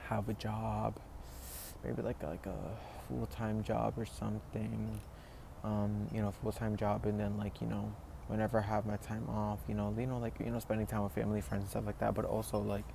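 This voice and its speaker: Young man, 20s, casual vlog monologue, fry in the voice, noisy room tone. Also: on the low side, flat delivery, normal speed. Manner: rambling, full of "like" and "you know", restarts. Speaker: vlogger. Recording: noisy background ambience.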